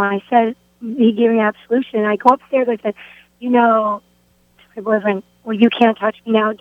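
A woman sharing her personal faith testimony, animated as she acts out what people said to her. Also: on the high side, no room sound. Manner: animated storytelling, acts out quoted speech. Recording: tinny phone line, dry.

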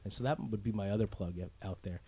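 A man's voice: fairly low pitch, fast talker, warm tone, slightly rough. A man speaking as a guest in a conversational radio interview, representing an organisation.

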